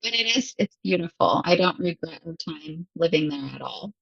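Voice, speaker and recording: In this casual conversation, the guest is an American woman in her thirties from Michigan who teaches English and laughs a lot as she chats. She speaks at a moderate pace in a lowish, expressive voice that is creaky and breathy yet fairly bright. The sound is dull but free of echo.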